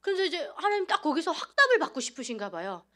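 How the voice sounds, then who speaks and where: High-voiced woman from north korea doing a church testimony, big swinging pitch, acts out every scene. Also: fast. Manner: animated and dramatic, acting out past scenes. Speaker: testimony speaker at a church service.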